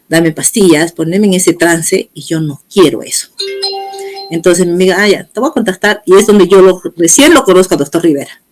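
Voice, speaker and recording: A woman's voice: on the low side, darkish tone. A middle-aged woman gives a personal testimony in an interview. She talks earnestly and steadily, slipping into the words of the people she quotes as she goes. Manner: earnest storytelling, acting out others' words in quotes.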